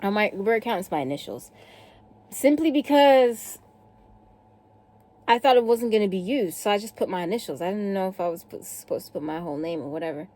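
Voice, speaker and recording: A woman from South Africa telling a story casually to camera, animated, acting out the dialogue and swearing offhand. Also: mid-range voice, fairly quick. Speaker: vlogger.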